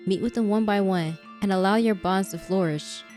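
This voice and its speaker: A woman voicing a pompous, ceremonial game announcer proclaiming decrees in a raised, louder voice. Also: medium pitch, normal speed, faint music behind, natural voice. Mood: grandiose.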